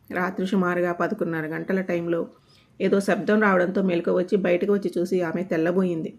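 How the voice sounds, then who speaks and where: Woman calmly narrating a story. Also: lowish voice. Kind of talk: scripted narration.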